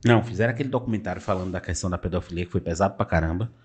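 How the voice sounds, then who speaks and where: A man's voice: low-pitched, rapid-fire, breathy edge. A man hosting a podcast, talking in a casual, earnest and reflective way with some joking. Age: adult father.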